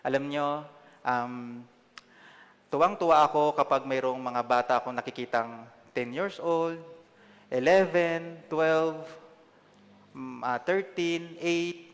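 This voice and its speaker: A man in his twenties from the Philippines giving a personal testimony sermon, conversational and self-deprecating, often pausing on fillers. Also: fairly high pitch, long reverb tail. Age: 20s. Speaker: lay preacher.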